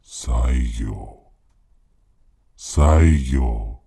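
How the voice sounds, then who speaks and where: A man voicing the proud, menacing ghost of an emperor in a husky, hushed, eerie ghost story. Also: very slow, full character voice. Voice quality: very deep, husky, breathy.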